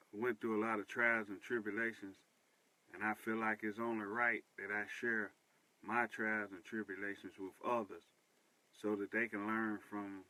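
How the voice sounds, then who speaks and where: Earnest low-voiced man, dry close sound. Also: bright, forceful tone, no room sound, rough recording. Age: 30s. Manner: earnest, repeats himself for emphasis. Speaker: host. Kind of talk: personal monologue.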